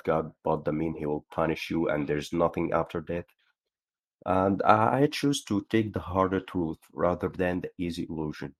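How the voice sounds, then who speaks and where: Young male caller, very low voice, halting and repetitive speech, voicemail message. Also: gravelly. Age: 20s. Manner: halting, repeats and restarts words.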